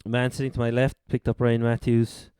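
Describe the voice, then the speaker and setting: A man's voice: medium pitch, monotone, normal speed, dark tone, clean tone, no room sound. A man with a Cork accent from Ireland, co-hosting a sports podcast and casually running through updates. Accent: Irish, Cork. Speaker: fantasy football podcast co-host.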